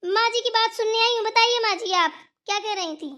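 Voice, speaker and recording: Brief: a woman playing a sharp-tongued cartoon bahu, piping high voice and a bright, edgy tone. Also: fairly quick. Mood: defiant. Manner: defiant, talks back, repeats "theek hai na". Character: sharp-tongued young daughter-in-law, defiant. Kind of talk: Hindi cartoon voice acting.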